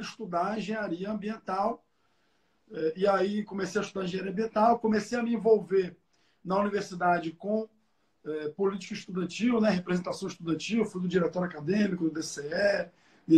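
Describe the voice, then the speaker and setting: A man's voice: sits high, fairly even intonation, a little fast, a little mellow. A young man, talking casually as an interview guest, with many fillers and repeated words. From Rio de Janeiro, Brazil. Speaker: guest, environmental engineer.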